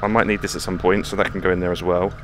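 Music plays in the background as this VR channel host races through live commentary on a horror game from his home floor. His low voice holds a level tone while he jumps, curses frequently and lets out nervous laughs.

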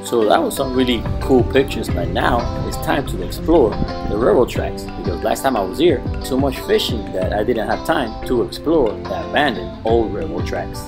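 Upbeat guy vlogging on a boat at a sandbar, talks right to viewers, loud music under him. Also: lowish voice, big pitch swings, moderate pace, hardly any pauses. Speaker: vlogger host. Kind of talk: casual vlog narration. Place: outdoors on a boat at a shallow sandbar.

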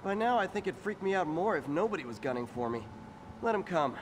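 A man's voice: high-pitched, sing-song, fast, a little hiss or hum. Spider-Man, a cocky quipper. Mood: confident. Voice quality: wisecracking. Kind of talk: game cutscene acting. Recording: game audio over loud music.

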